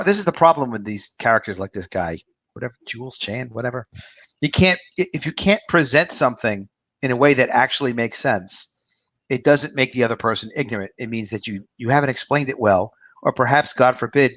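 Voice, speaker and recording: A man's voice: medium pitch, expressive, fairly quick, a bit bright, no echo. A man in his fifties, an author and publisher, giving his opinions in a rambling, casual livestream chat with a dry close sound. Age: 50s.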